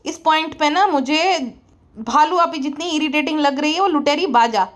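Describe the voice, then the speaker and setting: A woman's voice: sits high, moderate pace, fairly bright tone. A woman vlogger giving gossip commentary in a scolding, sarcastic, outspoken way.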